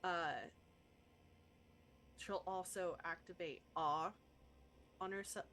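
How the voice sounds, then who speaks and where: A woman playing in a tabletop role-playing game, thinking through her character's actions out loud. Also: fairly low pitch, fairly even intonation, takes it slowly, a little hiss or hum. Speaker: player.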